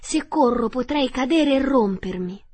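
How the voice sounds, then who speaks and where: A woman voicing a timid, fragile young porcelain princess with a high, frightened voice. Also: animated, a little slow, a little mellow, breathy edge, full character voice. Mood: anxious. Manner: frightened, pleading, then prim.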